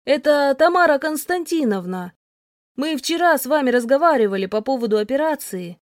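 A woman voicing a middle-aged female doctor calling by phone, brisk and reassuring. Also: sits high, expressive, no room sound, clean studio sound, voice pushed up.

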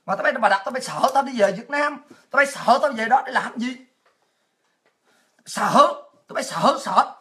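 A high-pitched woman rants in a monologue, her voice bright and piercing. She shouts and mocks, breaking into scornful laughs. She talks like a political commentator on a livestream. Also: animated, normal speed, long pauses. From Vietnam. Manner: shouting, mocking, with crude insults and laughs.

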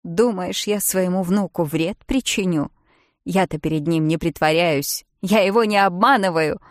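A woman voicing an elderly grandmother who shrieks accusations in shrill, loud outbursts. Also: normal speed, dry recording, clean studio sound, close to an everyday voice. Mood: shrieking furious.

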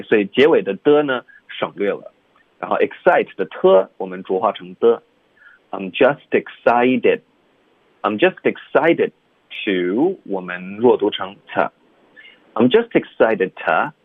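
A man teaching English pronunciation in a bilingual radio lesson, explaining slowly and switching between English and Chinese, sometimes stammering. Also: lowish voice, no echo. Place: radio studio. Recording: dry phone-like radio sound.

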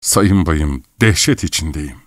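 A man's voice: extremely low pitch, lively intonation, measured pace, no echo, clean studio sound, pitched below the performer's own voice. A man voicing a fussy, jealous middle-aged husband in a fur coat who pleads and apologizes in a flustered way.

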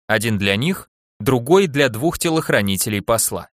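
Narrating an audiobook from a script, a man tells the story steadily and evenly at a medium pitch and normal speed. The audio is studio quality, with no echo.

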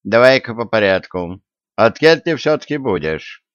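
A man voicing a gruff, imperious tsar who talks in archaic folksy speech, on a dull lo-fi recording. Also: fairly low pitch, sing-song, moderate pace, dry recording. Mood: interrogating. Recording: dull, lo-fi dry audiobook.

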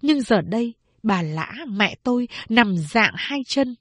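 A woman reads a novel aloud in a steady, measured narration. Her voice is fairly high with a husky, breathy texture, recorded close and dry with no room sound. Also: no echo.

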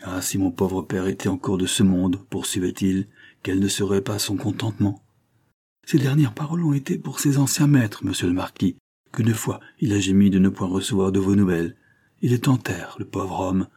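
A man's voice: low-pitched, normal speed, warm tone, husky. A man voicing an eager, devoted male servant in his forties, talking in effusive exclamations. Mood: overjoyed.

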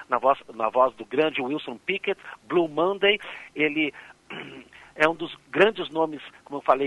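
A man co-hosting a radio music show, speaking with a Brazilian Portuguese accent, slightly hoarse and rambling with many fillers. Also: fairly high pitch, no room sound, highs cut off. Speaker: radio co-host. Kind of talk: casual radio music talk.

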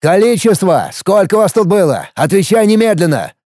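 A man's voice: high-pitched, big pitch swings, normal speed, darkish tone, no room sound, clean studio sound, pitched above the performer's own voice. A man voicing a hard, pragmatic warrior who speaks bluntly and commands. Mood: commanding. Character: hard, pragmatic male warrior, young adult.

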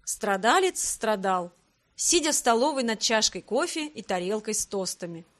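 A woman reads a first-person audiobook with lively, expressive narration. Her voice is fairly high and moves a lot in pitch. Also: normal speed.

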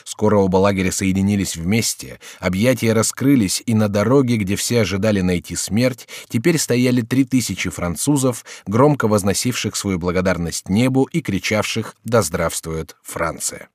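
Audiobook narrator, man, measured, lowish voice, dry studio. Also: a little mellow, no echo. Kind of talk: scripted narration. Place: recording studio.

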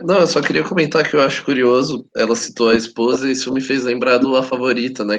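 A Brazilian man making thoughtful, conversational remarks as a panelist in a casual roundtable. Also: medium pitch. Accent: Brazilian Portuguese.

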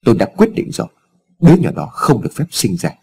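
A man's voice: medium pitch, huge pitch swings, quick pace, dark tone, slightly rough, exaggerated voice. A man voicing a stern, wealthy old father in a told story, speaking in harsh, clipped scolding tones.

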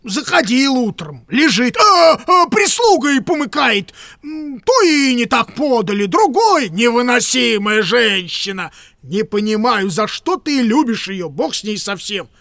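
A woman's voice: on the high side, big pitch swings, a little slow, a bit bright, no room sound, clean studio sound, heavily acted. A woman voicing a fussy, grumbling old male clerk who rambles and stammers in an audiobook reading.

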